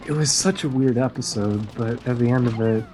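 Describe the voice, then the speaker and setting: A man chatting casually on a stream, retelling a cartoon episode in a rambling way with frequent "uh" pauses. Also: medium pitch, a little mellow, slight background noise, low-quality recording. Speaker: stream co-host. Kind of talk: casual chat recapping cartoons.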